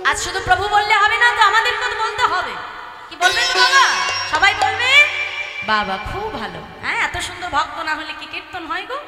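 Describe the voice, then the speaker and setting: A woman's voice: very high voice, big pitch swings, brisk. A woman kirtan singer preaching and leading sung chanting, coaxing the crowd to respond. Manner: coaxing, leads call-and-response. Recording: echoey hall, far from mic, with music. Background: instrumental music.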